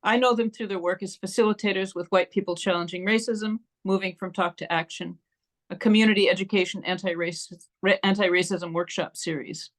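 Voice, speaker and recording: A woman with a medium-pitched voice moderates an online event. She delivers prepared introductions and announcements to the participants. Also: fairly even intonation, brisk. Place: online meeting.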